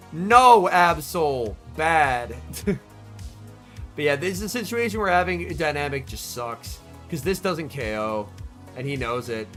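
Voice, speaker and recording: Commentating live at a tournament watch party, a slightly unwell young man chats excitedly and answers viewers by name. His voice is on the high side and his speed normal, with soft music playing in the background.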